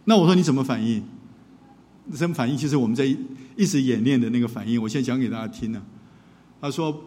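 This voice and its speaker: A man preaching as a pastor and counselor, telling a story and acting out the dialogue in a lively way. His pitch sits in a middle register. Long reverb from a large hall follows his voice. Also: fast. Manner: animated storyteller who acts out dialogue. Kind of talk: sermon storytelling.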